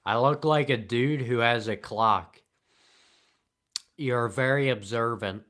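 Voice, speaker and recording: Long pauses separate the remarks of a man answering his live stream chat; his delivery is flat, deadpan and sarcastic, in a mid-range voice.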